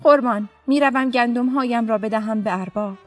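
A woman's voice: fairly high pitch, faint music behind, lightly acted. A woman voicing a poor old bearded farmer who humbly pleads with a governor. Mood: wry.

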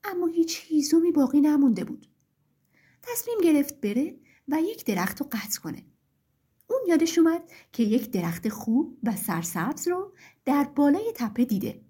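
A woman narrating a children's story in an expressive storytelling manner. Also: sits high.

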